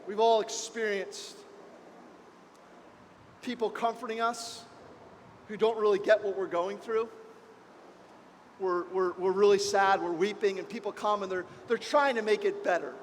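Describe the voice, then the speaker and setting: A man preaching as pastor, impassioned, moving between hushed and raised passages. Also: sits high, fairly even intonation, unhurried, long pauses, in a large hall, a little hiss or hum. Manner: impassioned, swings between soft and loud. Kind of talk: sermon. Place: church.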